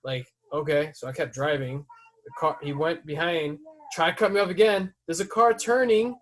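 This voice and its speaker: A man hosting a podcast who tells a story in casual chat. He swears freely and breaks into loud, heated outbursts as he retells it. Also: fairly high pitch, normal speed. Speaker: podcast host.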